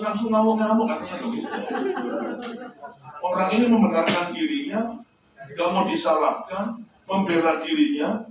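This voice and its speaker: A male pastor preaching a lively sermon, joking with the congregation and leaning into vivid examples. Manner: lively, joking, varies pitch a lot, mimics others in quotes. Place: church hall. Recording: distant, echoey church hall with room noise.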